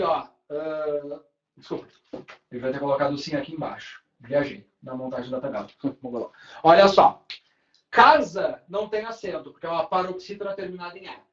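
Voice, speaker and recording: A Brazilian man teaching a live online grammar class at a whiteboard, lively and checking in with students often. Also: high-pitched, echoey room, highs cut off. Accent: Brazilian Portuguese.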